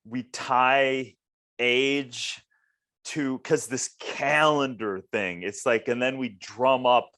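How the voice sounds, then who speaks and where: A man's voice: mid-range voice, steady tone, slow, fairly bright tone. A man from Minnesota hosting a casual interview podcast, rambling and repeating words as he searches for what to say. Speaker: podcast host.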